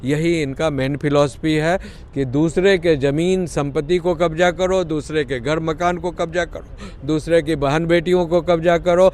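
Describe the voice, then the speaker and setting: A man's voice: on the high side, steady tone, a little slow, hardly any pauses, darkish tone. A man giving an emphatic, lecturing street interview, mixing in English phrases.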